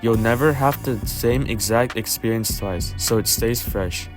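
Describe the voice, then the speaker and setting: A man narrates a scripted video game review as the host of the channel. His voice sits at an ordinary middle pitch. Faint music plays behind him. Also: unhurried.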